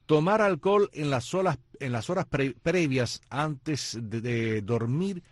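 A man's voice: mid-range voice, lively intonation, unhurried, no room sound. A man, co-hosting a casual chat and explaining things with jokes. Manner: joking, explanatory. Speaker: co-host.

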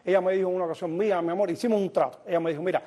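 A man's voice: sits high, steady tone, very fast, warm tone. A man hosting a show and doing a stand-up monologue, joking and talking straight to the audience. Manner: joking, addresses audience directly. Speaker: comedian host.

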